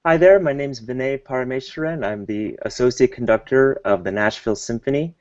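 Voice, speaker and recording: A man from the Bay Area, a guest on a video call panel, who speaks in a steady, matter-of-fact way. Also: medium pitch, brisk, no echo. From San Francisco Bay Area. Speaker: associate conductor. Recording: dry, muffled video call audio.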